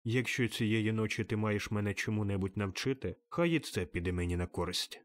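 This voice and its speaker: A man voicing a humbled, timid old miser who speaks quietly and meekly. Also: lowish voice, a little fast, no echo, natural voice. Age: older. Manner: quiet and meek.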